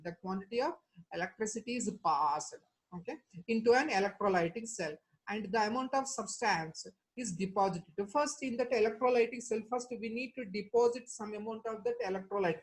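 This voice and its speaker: A woman's voice: on the high side, poor audio. A woman with a South Indian accent from Telangana giving an online chemistry lecture, repeating herself and often asking rhetorical questions and adding verbal tags. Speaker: chemistry teacher. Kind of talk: online exam-prep lecture.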